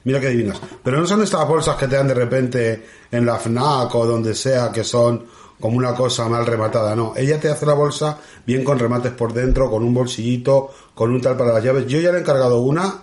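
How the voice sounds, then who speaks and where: A man's voice: mid-range voice, fairly quick, a little mellow. A man from hosting a podcast, chatting in a campy, playful way. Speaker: podcast host. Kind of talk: casual chat. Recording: roomy echo.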